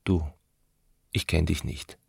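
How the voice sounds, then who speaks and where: A man voicing a cabaret compère with a knife who threatens calmly and quietly. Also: sits low, fairly quick, gravelly, slightly rough, dry recording, clean studio sound, exaggerated voice. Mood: menacing. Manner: quiet, soft-spoken threat.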